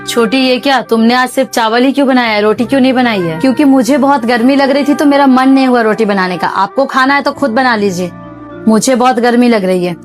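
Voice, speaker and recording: A woman's voice: on the high side, fairly quick, faint music behind, natural voice. A woman playing young daughters-in-law in a family drama, arguing emphatically. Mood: argumentative. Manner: argumentative, emphatic. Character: young Indian daughters-in-law, quarrelsome and dutiful.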